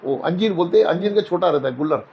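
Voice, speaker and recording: A man's voice: a little high, expressive, quick pace, highs cut off. A man as a spiritual guest, telling homely anecdotes in a casual interview and acting out the voices in them. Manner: anecdotal, folksy, acts out quoted voices.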